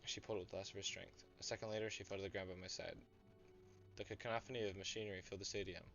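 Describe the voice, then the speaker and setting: Low-voiced young male streamer. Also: steady tone, very fast, vocal fry, a bit bright. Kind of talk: reading a story game aloud and chatting to viewers. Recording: dull lo-fi audio, faint music.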